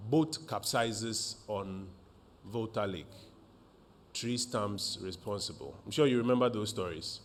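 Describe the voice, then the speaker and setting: A man, a government minister opening a press briefing in a formal, measured way with frequent fillers. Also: on the low side, slight background noise.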